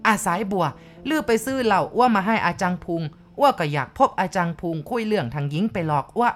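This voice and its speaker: A woman doing a bossy, quarrelsome shopkeeper man who grumbles in broken Thai, drawn out slow and pitched up above her usual low tone. He whines and accuses, dragging each word, in a spooky storybook reading. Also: darkish tone, faint music behind, lightly acted. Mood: accusing. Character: grumbling middle-aged male shopkeeper, bossy.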